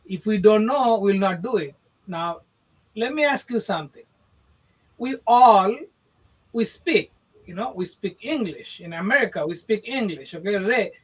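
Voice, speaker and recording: A man from India with an Indian accent and a high, husky voice speaks animatedly at a measured pace. He is a real estate agent hosting a casual motivational chat, speaking emphatically and frequently checking in with "okay?", and the audio sounds dull.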